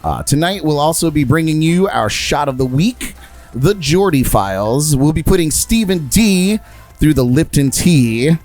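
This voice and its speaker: A man hosting a live music podcast, upbeat and quick to laugh. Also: on the high side, animated, darkish tone. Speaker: podcast host. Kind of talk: casual live show chat.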